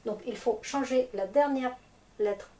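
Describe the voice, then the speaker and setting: A woman's voice: on the high side, measured pace, mellow. A woman teaching a language lesson in French, explaining patiently step by step. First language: Russian. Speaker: Russian teacher. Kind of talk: slow, clear language lesson.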